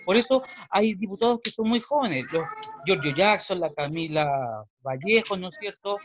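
Wrapping up an online class by video call, this Chilean history teacher in his forties talks in a high-pitched, expressive voice at a moderate pace. He explains things patiently but keeps restarting his sentences, and the recording carries a little hiss or hum.

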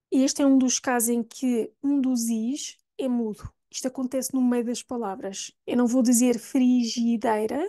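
A woman with a European Portuguese accent teaching pronunciation, saying single words slowly and clearly. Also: a little high, mellow. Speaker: language teacher. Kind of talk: pronunciation lesson.

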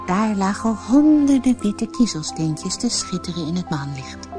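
Expressive woman telling a fairy tale. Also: medium pitch, a little slow, over music. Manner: expressive, dramatic. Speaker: storyteller. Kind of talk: scripted fairy-tale narration.

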